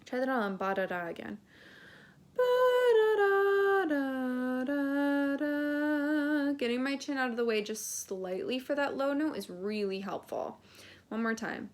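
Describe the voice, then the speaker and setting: A woman's voice: on the high side, normal speed. A woman teaching a singing lesson, coaching patiently and singing short phrases as examples. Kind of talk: vocal lesson with sung demonstrations.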